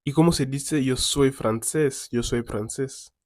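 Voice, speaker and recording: Slow, careful man teaching French. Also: mid-range voice, darkish tone, no room sound, studio quality. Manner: repeats each French word slowly and clearly. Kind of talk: slow beginner quiz lesson.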